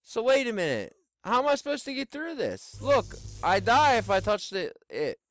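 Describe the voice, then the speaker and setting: A middle-aged man doing Let's Play commentary on a headset mic in a small home room, exclaiming and shouting as he plays. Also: very high voice, normal speed, no echo. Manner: excitable, exclaims and shouts while playing. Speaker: gaming YouTuber.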